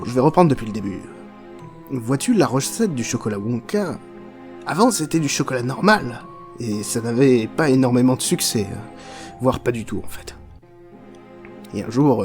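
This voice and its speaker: A foul-mouthed, unhinged chocolate factory owner rambles through his speech, mocking everyone around him and swearing freely, as a man plays him. His voice sits at an ordinary middle pitch with a casual, offhand delivery, set in a comic parody. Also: darkish tone, lightly acted.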